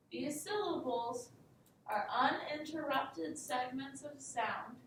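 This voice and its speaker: A woman acting as a teacher in a mock classroom lesson, patient and instructive. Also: a bit bright. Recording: echoey room, distant mic, faint rumble.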